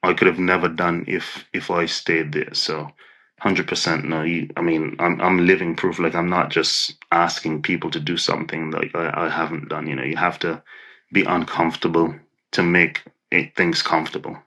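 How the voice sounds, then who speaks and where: A man's voice: sits low, flat delivery, moderate pace, bright, forceful tone. A man from Nevis, giving encouraging, conversational interview answers and often repeating words as he thinks aloud. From Nevis, Saint Kitts and Nevis. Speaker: interview guest, entrepreneur.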